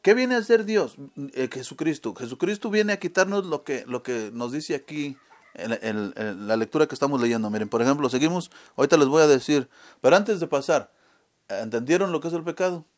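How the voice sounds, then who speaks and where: Preacher with a higher voice. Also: male voice, lively intonation, a little fast. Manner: keeps asking the audience "¿verdad?"; asks questions and answers them himself. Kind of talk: sermon.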